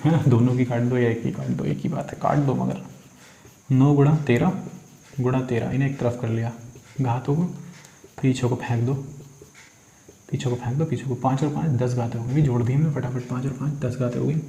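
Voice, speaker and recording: A man's voice: mid-range voice, fairly even intonation, fairly quick, creaky, pauses often, warm tone. A man teaching physics, working through numerical problems step by step. He asks questions and answers them himself, and addresses his students as "beta". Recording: echoey room, faint insect noise.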